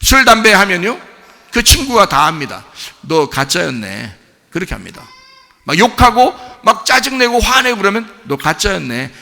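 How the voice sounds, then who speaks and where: A male pastor delivers a lively sermon in a bright, high voice that swoops up and down. He acts out quoted friends now and then in a lower voice. The sound carries a long reverb from a church hall. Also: creaky. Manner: animated preaching, acts out quoted friends in a low voice. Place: church sanctuary.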